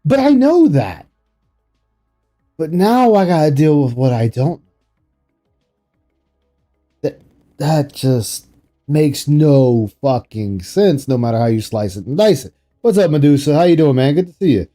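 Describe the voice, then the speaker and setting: A man's voice: a little high, sing-song, measured pace, pauses often, dark tone, soft background music. A man streaming, commenting sarcastically and incredulously on an interview clip he is playing. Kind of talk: reaction commentary.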